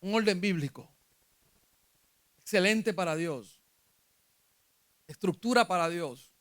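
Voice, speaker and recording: A man's voice: high voice, slow pace, fairly bright tone. A man with a Puerto Rican accent preaching a sermon as pastor, asking his congregation questions and rising when he retells scripture. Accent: Puerto Rican Spanish.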